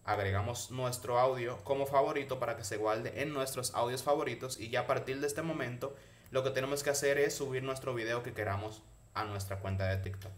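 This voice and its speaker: A man narrating a casual tutorial in Spanish, instructing viewers directly one step at a time. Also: medium pitch. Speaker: tutorial host.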